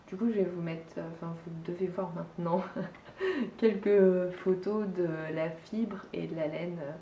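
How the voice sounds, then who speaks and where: A French-accented woman with a medium-pitched, mellow voice chats casually about her knitting and hand-spun yarn as a knitting vlogger, hesitating and restarting often. She sounds far off in a dull, echoey room with slight background noise.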